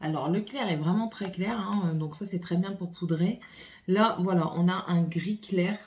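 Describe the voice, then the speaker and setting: Recording on her phone at home, a beauty vlogger with a lowish, slightly mellow voice films a casual makeup haul at a normal pace. She chats and thinks aloud while opening and swatching the products.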